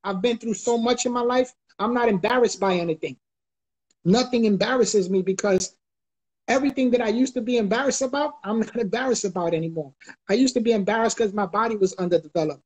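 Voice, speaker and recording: This guest motivational speaker, a middle-aged man from the Bronx, New York, talks fairly quickly on a live video call, hammering key phrases like a preacher. His high voice is darkish and breathy, captured roughly by a close webcam or phone.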